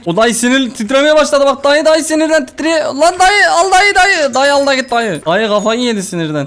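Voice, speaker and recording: A man's voice: sits high, a bit bright. A young man giving casual, joking commentary while playing a game, talking to the customers on screen. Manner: jokey, bossing game customers around. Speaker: gaming streamer. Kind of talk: casual let's-play commentary.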